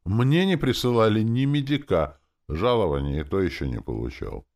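A man's voice: on the low side, moderate pace, pitched above the performer's own voice. A man voicing a fawning, cheeky male zombie, a former official, in a wheezy, nasal voice in an audiobook. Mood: wheedling. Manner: flattering, cheeky, theatrical. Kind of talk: audiobook character voice.

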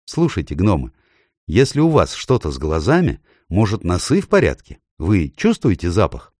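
A man's voice: deep voice, huge pitch swings, normal speed, darkish tone, dry recording, clean studio sound, heavily acted. A man voicing a kind, earnest young girl who is also a queen, speaking in a pleading, raised tone.

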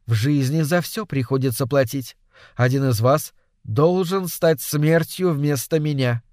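A man voicing Death as a soft-spoken young lady. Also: fairly high pitch, no echo, studio quality, lightly acted. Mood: solemn. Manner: quiet, measured, coaxing.

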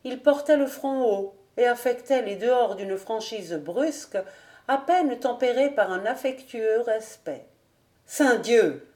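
A woman narrating a classic novel as an audiobook reader, measured and deliberate. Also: fairly high pitch, animated, dark tone. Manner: slow, measured reading. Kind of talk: scripted narration.

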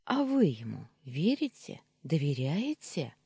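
Woman voicing a calm, wry young housemaid. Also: low-pitched, measured pace, vocal fry, slightly rough, no echo, clean studio sound, full character voice. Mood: gentle.

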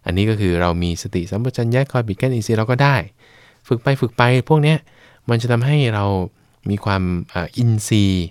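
A man's voice: medium pitch, animated, brisk, darkish tone, clear, resonant tone, no echo. A man, a Buddhist monk, explaining teachings in plain talk with homely examples. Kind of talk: Dharma teaching in conversation. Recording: dry studio radio sound.

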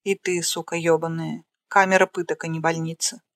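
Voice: mid-range voice, level tone, moderate pace, a bit bright, no room sound, studio quality, natural voice. A reader doing a meek, grumbling young patient. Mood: wary. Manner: meek and wary, muttering complaints.

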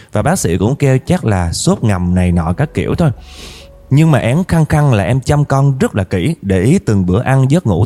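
A man's voice: medium pitch, dark tone. A man narrating a dramatic true story in the first person, talking directly to his listeners with emotion.

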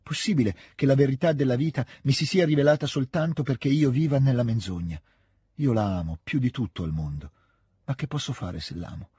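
A man reading the lines of a dying, wounded young prince, speaking softly and tenderly. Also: mid-range voice, fairly quick, slightly rough, no room sound, studio quality.

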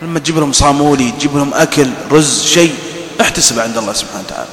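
Preacher in an echoing hall. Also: male voice, a little high, racing. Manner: lively storytelling with mimicked quotes. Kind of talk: mosque sermon. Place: mosque hall. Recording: roomy reverberant hall, faint ambience.

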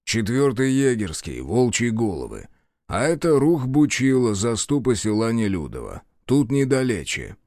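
A man voicing a stern, steady male army lieutenant who talks slowly and gravely. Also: medium pitch, dry recording, studio quality, lightly acted.

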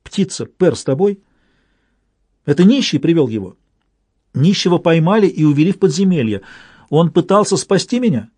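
A frightened young girl, voiced by a male reader, pleads in an urgent, trembling way in this audiobook. The voice is mellow and a little husky. It sounds close and dry. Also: fairly high pitch, very animated, normal speed, pauses often, no room sound.

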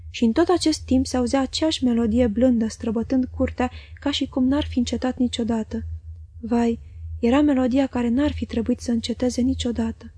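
A woman narrating an audiobook in a measured, literary reading style. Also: on the high side, dark tone, slightly rough, no room sound. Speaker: audiobook reader.

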